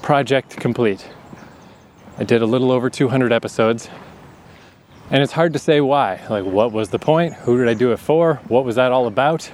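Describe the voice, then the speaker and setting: A podcast host in his thirties with a slight Atlantic Canadian accent rambles through a candid monologue outdoors in a breezy urban area, swearing freely and laughing often. His medium-pitched, darkish voice moves at normal speed, with a little hiss or hum present.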